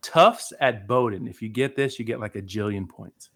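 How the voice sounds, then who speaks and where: A man's voice: on the low side, normal speed, fairly bright tone. A man from Massachusetts co-hosting a casual sports podcast, playful and joking as he runs a quiz. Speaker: podcast co-host.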